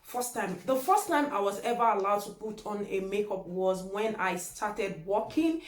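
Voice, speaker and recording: A woman of about thirty, a native Yoruba speaker with a Nigerian accent, chats casually as a vlogger answering tag questions. Her mid-range voice has lively intonation at a moderate pace, and she repeats words for emphasis. The room is echoey.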